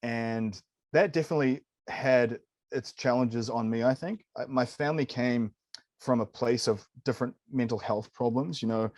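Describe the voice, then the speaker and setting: Speaking at normal speed in a mid-range, darkish voice with no room sound, this Kiwi nutritionist in his late thirties shares his story as an interview guest. He's candid and enthusiastic, with a New Zealand accent and plenty of "man" and "dude."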